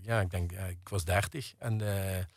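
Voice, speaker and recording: Middle-aged man, low gravelly voice, halting interview talk, dry close sound. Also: fairly even intonation, no echo. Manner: hesitant, many fillers and restarts. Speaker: guest, percussionist and conductor. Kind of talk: radio interview conversation.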